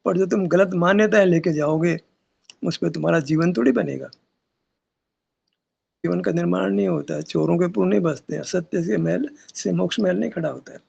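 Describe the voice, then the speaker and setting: A man gives a spiritual discourse at a meditation session, challenging his listeners with rhetorical questions and casual asides. His voice is heavily gravelly and husky and sits a little high. The recording is dull and lo-fi. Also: moderate pace, darkish tone. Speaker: spiritual teacher.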